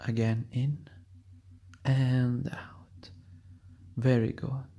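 Gravelly, slow-murmuring hypnotist man. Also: medium pitch, flat delivery, mellow. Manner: slow commanding hypnotic murmur, often whispering; repetitive chanting commands. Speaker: hypnosis roleplay performer. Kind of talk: ASMR hypnosis roleplay.

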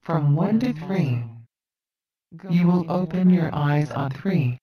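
A woman giving a slow, soothing hypnosis induction in short spoken commands. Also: deep voice, dull audio, a crowd in the background.

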